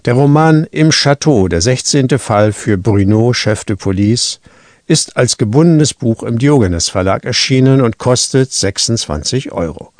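A man presenting a scripted book review, explaining things in a clear way. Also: medium pitch, animated, measured pace, dry recording.

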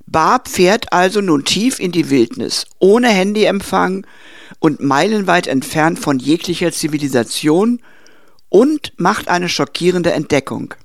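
A man narrating a film review in a brisk, summarizing way. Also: high-pitched, expressive, creaky. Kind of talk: scripted narration.

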